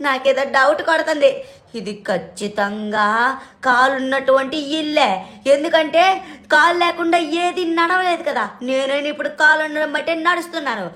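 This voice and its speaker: A woman's voice: sits high, a bit bright. A woman voicing a mischievous, dramatic little boy who chatters and exclaims to himself in a cartoon fan dub. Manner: chatty, exclamatory, self-talking.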